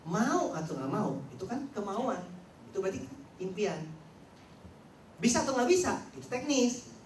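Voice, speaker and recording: A man's voice: very high voice, a little hiss or hum. A man giving a motivational seminar talk, quizzing the audience and acting out quotes. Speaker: motivational speaker. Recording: roomy sound from far off, faint ambience.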